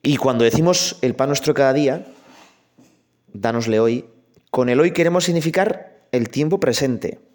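A man's voice: medium pitch, normal speed, a little mellow. Man giving a conversational sermon. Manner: conversational, addresses listener directly. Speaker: priest.

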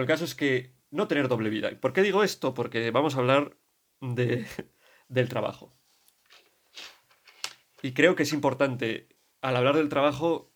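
A man in his thirties with a Spain Spanish accent, a priest giving a spoken meditation in a conversational, digressive way, often correcting himself. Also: medium pitch.

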